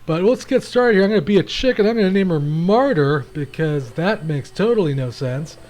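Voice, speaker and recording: A man's voice: high-pitched, animated, brisk, darkish tone. Chatty man narrating a video game. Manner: chatty, rambling, frequent restarts. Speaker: gaming channel host. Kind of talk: casual gameplay commentary.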